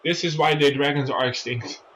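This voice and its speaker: Higher-pitched male wrestling commentator. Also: fairly even intonation, moderate pace, fairly bright tone, low-quality recording. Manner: wrestling commentator style, calling moves and counts with exclamations. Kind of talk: play-by-play wrestling commentary over a video game match.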